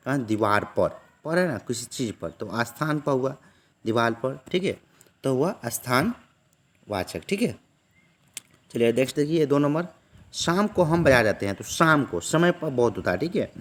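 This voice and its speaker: A man tutoring online, walking through exam questions and answers, who keeps asking a question and then answering it himself and keeps checking in the listener. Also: mid-range voice. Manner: repeats "theek hai" constantly, asks and answers own questions.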